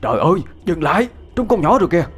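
Figure: older village man, over 60, panicked, commanding. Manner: calling out loudly, quick and high. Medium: spoken ghost story, acted by a man. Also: very animated, husky, soft background music. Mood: alarmed. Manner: crying out loud.

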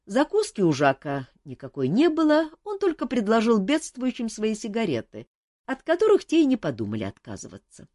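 A woman reading a fantasy audiobook aloud with expressive storytelling. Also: on the high side, brisk, no room sound, clean studio sound. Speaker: audiobook narrator.

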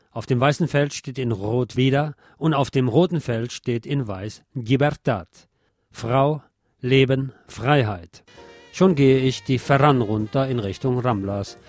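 Here a middle-aged man's medium, darkish voice comes through at studio quality with no room sound. He reads satirical commentary and literary reportage from a script, stressing the ironic lines theatrically over background music.

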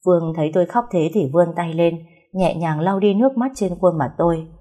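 A woman reading a first-person story aloud in a steady, emotive storytelling manner. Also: lowish voice, fairly quick, breathy edge. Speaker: audiobook narrator.

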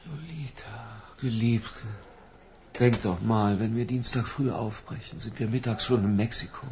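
An actor playing a lovesick middle-aged professor in a radio drama, hesitant, pleading and given to theatrical declaiming. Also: male voice, fairly low pitch, a little slow, a little mellow, a little hiss or hum, lightly acted. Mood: declaiming, rapturous. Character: lovesick, feverish older professor, pleading and florid.

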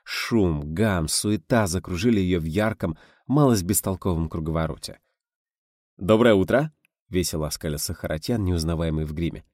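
A man reading a novel aloud as an audiobook narrator, telling the story with lively expression. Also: deep voice, a little fast, no echo, clean studio sound. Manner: animated storytelling, voicing characters.

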